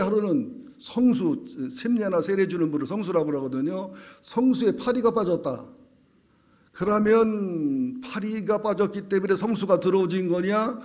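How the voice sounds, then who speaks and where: A man's voice: fairly high pitch, darkish tone. A middle-aged man, a senior pastor, preaching a humorous sermon in a church, telling folksy anecdotes and jokes. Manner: folksy storytelling with jokes, acts out voices. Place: church sanctuary.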